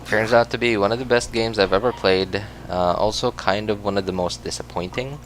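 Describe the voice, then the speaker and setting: A man from the Philippines, Cebuano by first language and Filipino-accented, streams a game and chats in a rambling way, correcting himself and using many fillers. His lowish voice is steady in tone and a little fast. The recording is rough, with a slight hiss or hum.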